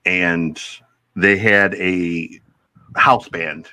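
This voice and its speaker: A man hosting a podcast, telling relaxed anecdotes in casual chat. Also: sits low, extremely slow, slight background noise. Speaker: podcast host.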